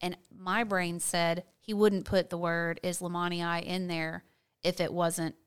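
A woman's voice: lowish voice, level tone, unhurried, clear, resonant tone. A woman chatting casually to viewers like a video blogger telling a story, gossipy and candid, stressing points by repeating words.

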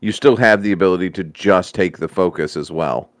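Very deep-voiced man thinking aloud. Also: fairly quick, dry recording. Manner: hesitant, thinking aloud with fillers. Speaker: podcast co-host. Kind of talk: casual tabletop game discussion.

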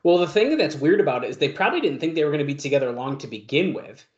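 A man's voice: fairly high pitch, lively intonation, racing, a little mellow. A man co-hosting a podcast, chatting and commenting on a wrestling match in a casual, conversational way. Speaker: podcast co-host watching wrestling. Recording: dull lo-fi sound.

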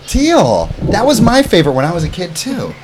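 A man's voice: high voice, huge pitch swings, normal speed, background noise. Chatty man hosting a casual podcast. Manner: informal, chatty, upbeat slangy talk. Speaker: podcast host, summer camp owner. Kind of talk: casual interview with children.

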